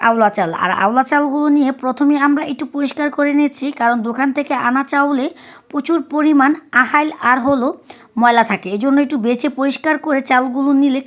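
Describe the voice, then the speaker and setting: A cooking vlogger from Bangladesh narrates a home recipe, walking through each step as she goes. She has a high voice and a chatty, easygoing delivery.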